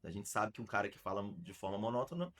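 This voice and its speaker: A man's voice: on the low side, very animated, quick pace, fairly bright tone. A man with a Brazilian Portuguese accent, hosting a podcast as an arts school founder, telling stories emphatically with frequent restarts. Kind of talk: casual podcast chat.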